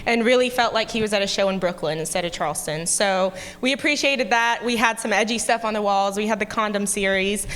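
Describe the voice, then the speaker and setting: A woman's voice: mid-range voice, fairly quick, few pauses, a bit bright. A young woman presenting casually on stage in an informal, joking, chatty way, pronouncing her R's like W's. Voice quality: trouble saying R's, sounding like W. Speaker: art gallery co-founder, co-presenter. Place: stage in a reverberant venue. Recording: hall reverb with noisy ambience.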